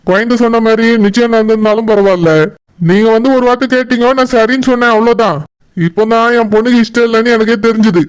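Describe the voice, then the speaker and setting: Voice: mid-range voice, fast, clean tone, close to an everyday voice. A performer voicing a worried father of the bride in a cartoon, earnest and apologetic, with a Kanyakumari Tamil accent. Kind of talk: cartoon voice acting.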